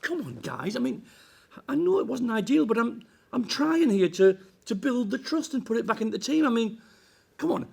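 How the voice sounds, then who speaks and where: A man's voice: very high-pitched, lively intonation, a little fast, gravelly, a little mellow, full character voice. An actor playing a boss trying to bribe his team back into trusting him. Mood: wheedling. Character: blustering male boss bribing his team. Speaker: team manager.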